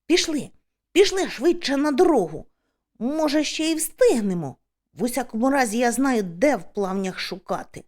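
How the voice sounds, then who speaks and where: A bold, bossy village boy , as a woman narrator puts him on, barks orders with eager energy. The voice sits fairly high and lively, urging his friend along in a storybook adventure. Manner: commanding, brisk.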